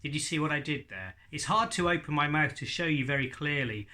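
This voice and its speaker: A man's voice: on the high side, lively intonation, fairly quick, bright, forceful tone. A middle-aged man giving an informal, chatty ventriloquism lesson with jokey asides. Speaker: ventriloquism teacher. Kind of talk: informal instructional video talk.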